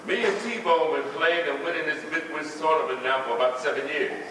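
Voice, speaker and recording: An actor playing a protective grandfather on a theater stage, gruff and guarded, heard from a distant mic. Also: on the high side, brisk, noisy background, lightly acted. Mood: tender. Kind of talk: live stage drama. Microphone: distant room mic. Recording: echoey hall from far off.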